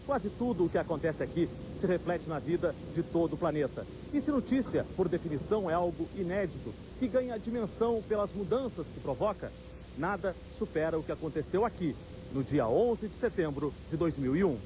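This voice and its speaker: High-voiced Brazilian male correspondent, noisy surroundings. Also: lively intonation, fairly quick. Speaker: foreign correspondent. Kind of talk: live news report. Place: outdoors in a busy city square. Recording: clearly noisy outdoor city ambience.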